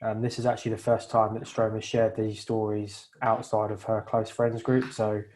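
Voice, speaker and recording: A man's voice: lowish voice, level tone, normal speed, darkish tone. A man co-hosting a podcast, speaking in an easygoing, hesitant way with some jokes. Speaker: podcast co-host.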